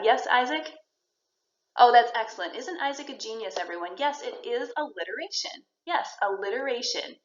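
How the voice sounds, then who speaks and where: A woman teacher walks her students through a poetry lesson, explaining each point step by step and praising their answers. Her voice carries around a roomy space, and the sound is a little dull and lo-fi. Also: medium pitch. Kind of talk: recorded classroom lesson.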